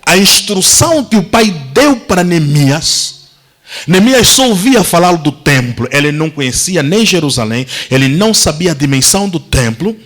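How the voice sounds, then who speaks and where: Pastor, male, bright high voice with wide swings, theatrical sermon storytelling. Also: very animated, normal speed, poor audio. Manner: theatrical, acts out the story's voices, shouts at climaxes. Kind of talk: dramatic Pentecostal sermon storytelling.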